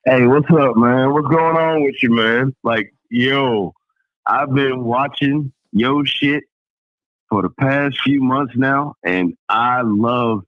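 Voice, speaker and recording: A man's voice: medium pitch, slow pace, no echo. Male caller, drawl, emphatic slangy ranting with swearing, dry and very narrow phone sound. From Alabama, United States. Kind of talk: casual opinionated phone-in rant. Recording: tinny phone-line audio, radio-like.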